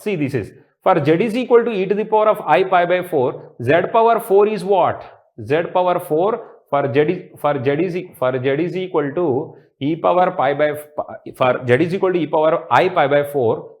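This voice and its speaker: A male mathematics teacher with an Indian accent talks through work at the board. His voice sits a little high for a man. He repeats key phrases as he goes and checks that students are following. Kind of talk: lecture at a board. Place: indoor teaching studio with blackboard.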